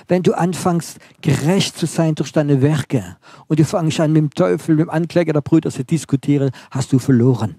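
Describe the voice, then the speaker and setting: A male preacher with a mellow, somewhat raised voice delivers a sermon. His delivery is emphatic, built on short repeated phrases, often sinking to a hushed intensity. The sound is dry and close. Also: on the high side, breathy edge, no room sound.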